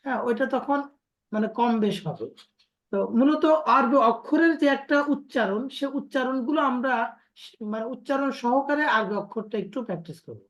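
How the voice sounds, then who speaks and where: A woman's voice: fairly high pitch, animated, a little fast. A woman teacher leading an online lesson on letters and pronunciation, explaining patiently and drilling her students by repetition. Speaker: Quran recitation teacher.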